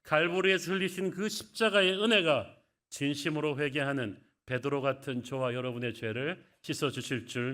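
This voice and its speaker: A man's voice: medium pitch, a bit bright. Male pastor, dramatic sermon delivery, mic'd in a church. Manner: emphatic, dramatic rises and drops in volume. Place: church sanctuary.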